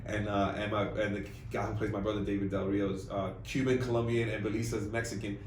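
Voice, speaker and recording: A man from New York, a lead actor, talking about his show in a quick, animated and jokey way. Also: fairly low pitch. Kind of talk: press junket interview. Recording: roomy, distant mic, faint noise.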